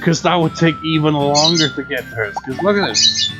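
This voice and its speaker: A man's voice: fairly high pitch, moderate pace. A man giving casual, rambling video game commentary in a wry, unenthusiastic manner. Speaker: gameplay video host. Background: game music.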